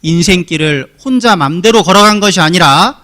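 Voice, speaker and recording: A man's voice: sits high, expressive, racing, bright, forceful tone. A man preaching a sermon in short bursts for an interpreter, emphatic and full of rhetorical questions. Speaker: pastor.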